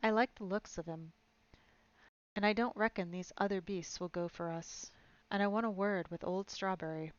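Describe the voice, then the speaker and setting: A woman's voice: medium pitch, steady tone, normal speed, clear, resonant tone, no room sound, highs cut off, lightly acted. A woman voicing a kindly, plain-spoken male cab driver who talks bluntly and drops his g's. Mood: folksy.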